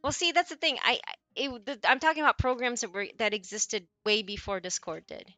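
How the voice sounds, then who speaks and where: Forties woman streamer, bright crisp voice, dry close sound, rambly chat. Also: fairly high pitch, animated, brisk, no echo, soft background music. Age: 40s. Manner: rambling, self-correcting, laughs often. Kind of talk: casual chat with viewers.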